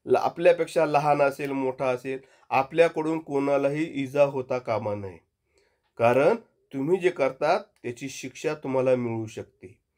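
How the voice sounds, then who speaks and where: A man's voice: medium pitch, normal speed. A man, a primary school teacher with a Marathi accent, tells a moral story to young children and asks them questions as he goes. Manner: expressive storyteller asking the class questions.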